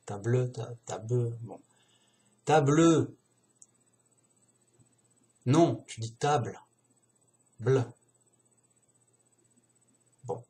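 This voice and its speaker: A man musing aloud in a casual, digressive monologue, slangy and chatty, often addressing the listener as a buddy. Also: medium pitch.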